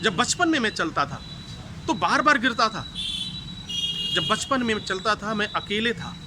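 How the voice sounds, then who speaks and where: A man's voice: high voice, animated, measured pace. A man giving a motivational speech to students in a declamatory way, repeating each line for emphasis. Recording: clear background noise.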